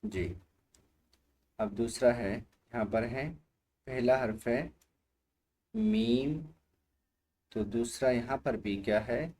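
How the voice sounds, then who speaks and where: A man's voice: medium pitch, slow, pauses often, darkish tone. A man teaching Quran reading letter by letter, patiently repeating each letter and asking the learner to say it aloud. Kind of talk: slow letter-by-letter recitation lesson.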